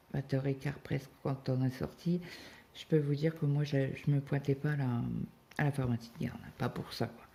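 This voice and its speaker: Chatty woman with a gravelly, mellow voice. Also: extremely low pitch. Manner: rambling, chatty storytelling with many asides. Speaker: cross-stitch vlogger. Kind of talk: casual chat while stitching.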